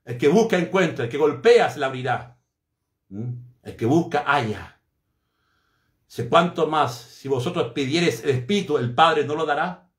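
A fairly high-voiced man preaches with fervent, emphatic conviction, hammering home repeated phrases. His sermon rings through a reverberant room. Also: animated, normal speed.

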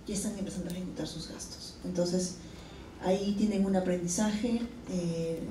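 Peruvian lady talking at a conference, mellow voice, roomy hall, bit far from the mic. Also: mid-range voice, slight background noise. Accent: Peruvian Spanish. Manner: explanatory, many fillers and restarts. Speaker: conference speaker from a research funding agency. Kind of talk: presentation talk. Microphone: handheld mic.

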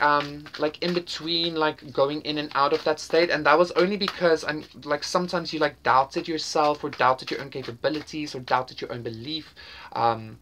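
A tarot reader doing a casual pick-a-card reading at a mid pitch. The speech rambles enthusiastically, stumbling over repeated words and checking in with "okay?" again and again. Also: a bit bright, a little hiss or hum. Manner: enthusiastic, intuitive, talks directly to the viewer.

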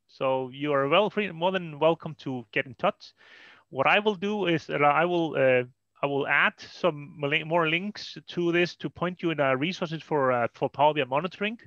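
A slightly high, fairly bright male voice comes through a dry recording with the dull, lo-fi sound of an online call. The speaker is a data consultant with an Icelandic accent, informally explaining technical topics at an online meetup from indoors on a video call and often saying "you know."

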